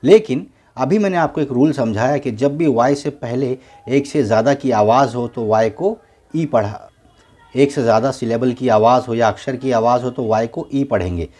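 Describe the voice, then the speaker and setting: A man's voice: medium pitch, moderate pace, dark tone. A man teaching a beginners' English lesson, patiently spelling words out letter by letter and repeating each word twice.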